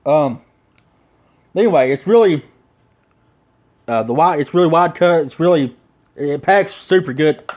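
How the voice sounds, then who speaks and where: A man with a Southern US drawl chats through a casual product review in a slightly high voice. His lower lip is packed full of dip as he talks, and his delivery is rambling, folksy and full of slang. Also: expressive, moderate pace, long pauses, darkish tone.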